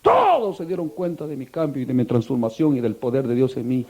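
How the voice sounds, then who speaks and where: A man's voice: medium pitch, sing-song, fairly quick, darkish tone. A man preaching a sermon, asking the congregation rhetorical questions and telling a story with passion.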